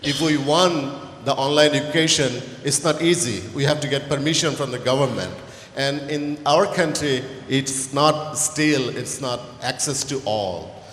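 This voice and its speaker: A man's voice: medium pitch, a little slow, fairly bright tone. A man, a university founder, earnestly pressing a panel with a question at a conference. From Bangladesh. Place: large conference hall. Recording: echoey hall with long reverb, faint room noise.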